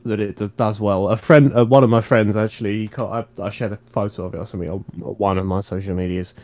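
A man's voice: lowish voice, fairly even intonation, fast, a little mellow, no echo. A man co-hosting a motorsport podcast, chatting casually with frequent hesitations. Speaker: podcast co-host. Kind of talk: casual chat.

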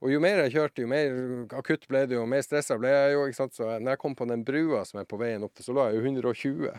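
A man telling a funny story as a podcast guest, acting out voices and shouting some lines. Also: medium pitch, no room sound, studio quality. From southern Norway. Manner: animated anecdote-teller, acts out voices and shouts. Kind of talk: casual storytelling.

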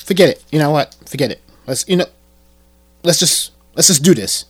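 A man's voice: on the high side, lively intonation, moderate pace, music in the background. A man hosting his podcast, talking in a loose, joking way and stumbling over his cue cards. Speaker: podcast host. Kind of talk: casual podcast chat.

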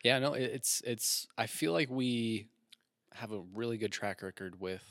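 A man's voice: medium pitch, moderate pace, a bit bright, dry recording, studio quality. A man co-hosting a casual podcast chat, full of wry, teasing banter. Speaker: podcast co-host.

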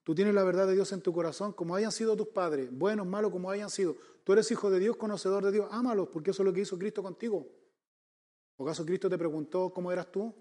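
Un pastor con acento chileno que predica un sermón, enumerando puntos y haciendo preguntas retóricas a la congregación. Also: male voice, sits high, quick pace, dark tone. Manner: emphatic, counts numbered points, asks the congregation rhetorical questions. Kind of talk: sermon.

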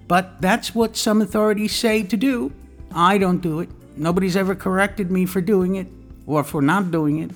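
A teacher giving a scripted English grammar lesson in a deliberate, didactic way, dictating example sentences with the punctuation spoken aloud. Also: medium pitch. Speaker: English teacher, podcast host.

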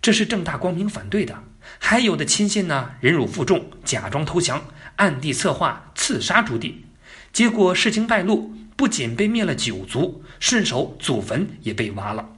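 Lively, chatty male storyteller. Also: a little high, normal speed. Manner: lively, colloquial and joking asides to the listener. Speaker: narrator. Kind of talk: casual history storytelling.

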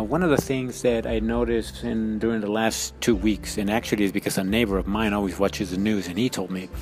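A man with an Ecuadorian Spanish accent talks through his thoughts in a halting, casual way, often pausing on filler sounds. His voice sits a little low. Faint music plays softly behind him. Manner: hesitant, many ums and restarts. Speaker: podcast host. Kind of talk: casual spoken monologue. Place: United States.

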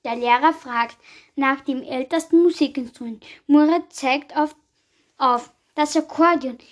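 A woman's voice: high-pitched, measured pace. A woman hosting a podcast, reading jokes aloud with small slips and casual asides. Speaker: podcast host.

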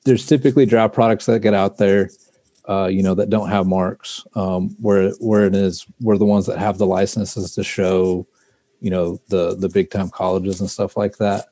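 A man's voice: deep voice, little pitch movement, normal speed, dark tone, no room sound. A man being interviewed as a guest on a casual podcast, often restarting and repeating words as he thinks. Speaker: guest, trading card company representative.

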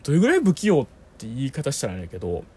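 A man in his thirties with a Kansai accent, chatting casually with his brother on a podcast as co-host, telling stories in an animated way and laughing often. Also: racing, husky. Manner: animated storyteller, laughs often, lively rising pitch.

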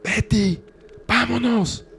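Brief: man playing a panicked husband, pitch jumps way up, loud, pleading. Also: steady tone, takes it slowly, a little hiss or hum, full character voice. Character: terrified middle-aged husband fleeing in a car.

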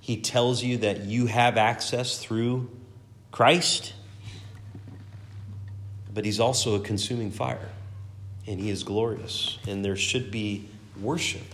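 A man's voice: on the low side, fairly even intonation, takes it slowly, long pauses, a bit bright. A man teaching a Sunday school class, reading scripture aloud with earnest emphasis and often repeating words as he searches for phrasing. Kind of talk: Bible teaching.

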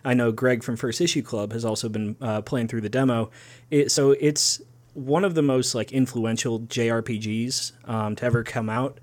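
A man co-hosting a podcast, explaining things in a steady, casual chat. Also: medium pitch, normal speed. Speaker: podcast co-host.

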